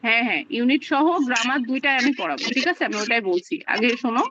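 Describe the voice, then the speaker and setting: A woman's voice: fairly high pitch, animated, fast, muffled recording, noisy background. A woman teaching a live online class, explaining step by step with plenty of fillers. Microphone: video call.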